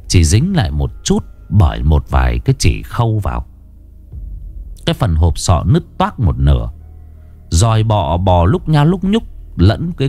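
Male horror audiobook narrator, very low, lively intonation, faint music underneath. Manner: dramatic, vivid storytelling.

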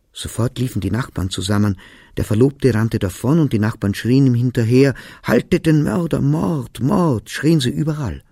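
A man reading a novel aloud for radio, telling the story quietly and evenly in the first person. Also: fairly low pitch, creaky, breathy edge, dry recording, studio quality. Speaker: narrator. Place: radio studio.

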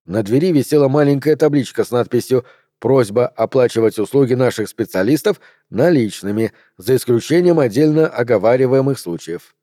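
A man reads a novel aloud in a calm, measured audiobook narration. His voice is warm and dark at an ordinary pitch. The recording is dry and close, with no room sound around him. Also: no room sound.

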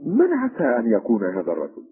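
A man's voice: medium pitch, huge pitch swings, brisk, voice pushed up. A man voicing a curt, dismissive male prison officer, with a tinny phone-like sound.

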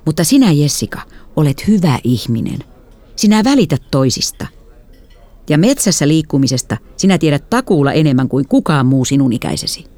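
A woman voicing a tired, gentle middle-aged father who speaks quietly and earnestly. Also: sits low, sing-song, no echo. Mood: tender.

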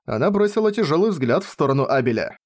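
A man narrating a fantasy novel as an audiobook reading, in lively first-person storytelling. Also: a little high, fast.

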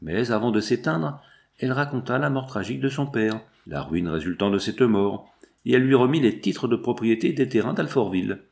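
A man narrates a classic novel as an audiobook in a steady storytelling manner. His voice sits low and has a gravelly edge. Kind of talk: reading a classic novel aloud.

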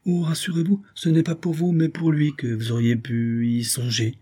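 A man's voice: on the high side, completely flat delivery, normal speed, warm tone, breathy edge, pitched above the performer's own voice. A man reading the part of a scheming, aging viscount in a suave, coaxing manner. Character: scheming aging male viscount, smooth and cunning.

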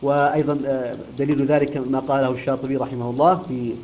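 A man teaching Quran recitation, speaking deliberately with many hesitant restarts and filler sounds, repeating words slowly to show how they are pronounced. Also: medium pitch, little pitch movement, slight background noise. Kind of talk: recitation lesson. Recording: dull lo-fi recording.

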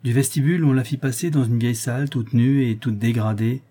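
A man reading a classic novel aloud as an audiobook narrator, in a measured storytelling manner. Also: mid-range voice, warm tone, breathy edge.

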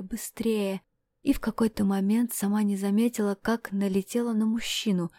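A woman narrating a first-person fantasy audiobook in a brisk, breathless storytelling manner with hushed asides. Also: medium pitch, no room sound. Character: heroine, a defiant young woman.

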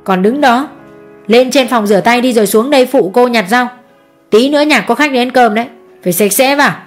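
A woman voicing a shrill, nagging middle-aged stepmother who scolds the children. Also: faint music behind, natural voice. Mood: ordering. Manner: sharp, nagging, quick scolding.

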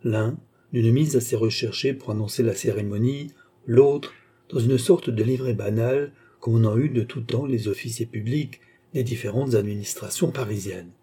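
A man reads a classic novel aloud at a measured pace. His voice is mellow and a little husky. He lifts his pitch when he voices the characters. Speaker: audiobook reader. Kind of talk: scripted narration of a classic novel.

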